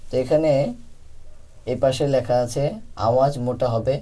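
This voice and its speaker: A man with a mid-range, steady, mellow voice teaches Quran recitation at a moderate pace. In a step-by-step pronunciation lesson, he patiently explains letter sounds and repeats each one for practice.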